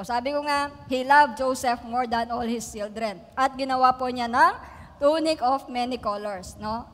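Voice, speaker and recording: A middle-aged woman from the Philippines preaches in a church hall, her high voice trailing a long reverb. She talks in a chatty, homely way, laughs often and keeps asking the congregation to agree. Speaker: pastor. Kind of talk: sermon with personal stories.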